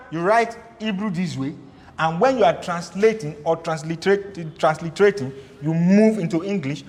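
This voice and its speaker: A man giving a Hebrew grammar lecture, repeating his points and asking the class questions. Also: sits high. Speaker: Hebrew teacher. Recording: echoey hall.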